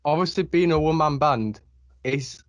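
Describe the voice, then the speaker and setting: A man from the north of England with a northern English accent, hosting a podcast and telling animated stories with frequent laughs. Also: fairly high pitch, normal speed, dry recording. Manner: animated storyteller, laughs often. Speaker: podcast host. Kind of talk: casual chat. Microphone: video call.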